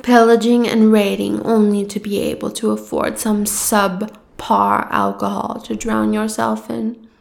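A woman voicing a cruel, gloating giant goddess who speaks in slow, taunting threats. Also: medium pitch, flat delivery, vocal fry. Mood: savoring. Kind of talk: fantasy audio roleplay.

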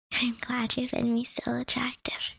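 A woman playing an affectionate girlfriend, talking softly and often in a whisper, hesitant and giggly with many fillers. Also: on the high side, creaky, slightly rough, dry recording, studio quality, full character voice. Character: affectionate girlfriend welcoming partner home. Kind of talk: audio roleplay.

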